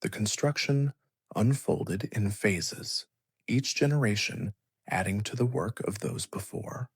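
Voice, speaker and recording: A man narrating a scripted bedtime story as a sleep story narrator, in a soothing, measured, hushed delivery. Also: lowish voice, expressive, breathy edge, dry recording, studio quality.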